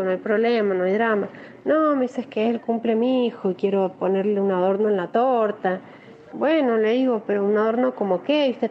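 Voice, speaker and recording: A woman with a Rioplatense Spanish accent gives a shaken, halting first-person testimony, often restarting her sentences. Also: a little high, highs cut off, a little hiss or hum. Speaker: interviewee recounting an assault.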